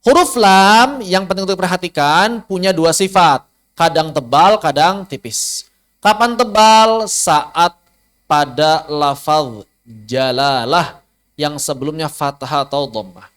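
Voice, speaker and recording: A man's voice: high voice, unhurried, fairly bright tone. A man, teaching a Quran recitation lesson online, asking rhetorical questions and demonstrating letter sounds aloud. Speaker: ustaz teaching tajwid.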